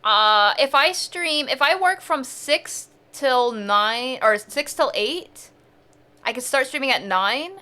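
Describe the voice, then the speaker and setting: A woman's voice: high voice, expressive, takes it slowly, bright, forceful tone. A woman streamer chatting casually over gameplay, thinking aloud and asking herself questions.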